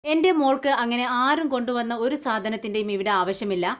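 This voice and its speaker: A stubborn young mother, bitter and curt, who shuts out her own family, as a woman narrator puts her on. The voice stays slightly high, close to the narrator's own. It belongs to a retold TV family drama. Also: fairly quick, close to an everyday voice. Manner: curt defiant.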